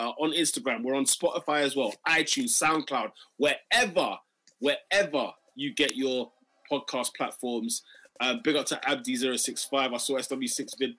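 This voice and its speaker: London roadman-accented man, bright forceful voice. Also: medium pitch, slightly rough, low-quality recording. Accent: London, urban roadman slang style. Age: 30s. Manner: slangy street-style talk, repeats phrases. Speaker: podcast host and DJ. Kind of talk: casual football podcast banter.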